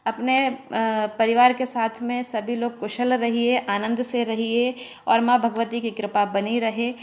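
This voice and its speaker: A woman teaching an online Sanskrit lesson, reciting the sutras slowly and drawn out and explaining them patiently. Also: a little high, flat delivery. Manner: explains patiently, often checking with "theek hai".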